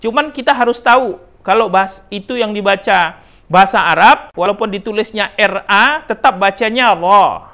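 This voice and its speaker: A middle-aged man with an Indonesian accent gives a Quran pronunciation lesson in a high-pitched, sharp voice at a moderate pace. He stretches out syllables to demonstrate, contrasts correct and incorrect forms, and often checks in with "nah" and "ya."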